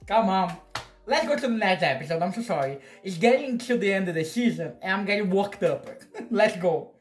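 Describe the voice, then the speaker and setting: Woman, reaction host, casual commentary, chatty, loud outbursts, faint music behind. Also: mid-range voice, normal speed. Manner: animated, outspoken, swings between loud outbursts and muttering.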